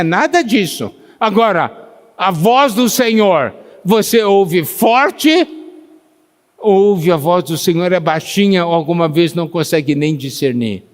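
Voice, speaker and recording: Man preaching in a reverberant church hall. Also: sits high. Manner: asks the congregation questions and waits for replies; slows down to stress scripture readings. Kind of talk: sermon.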